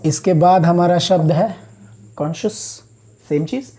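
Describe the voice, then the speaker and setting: A man's voice: sits high, unhurried, warm tone, slight background noise. A man teaching English vocabulary as a classroom lecture, explaining words patiently, step by step.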